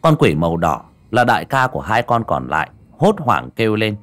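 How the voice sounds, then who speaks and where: A man narrating a story audiobook in an expressive storytelling manner. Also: fairly low pitch, brisk.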